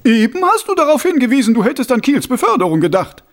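A man's voice: very high voice, very animated, fast, pitched above the performer's own voice. A man voicing a blunt, grumbling male guild doctor in an audiobook.

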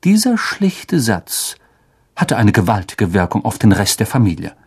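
A man reading a story aloud as an expressive audiobook narrator. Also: a little high, husky. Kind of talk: scripted narration.

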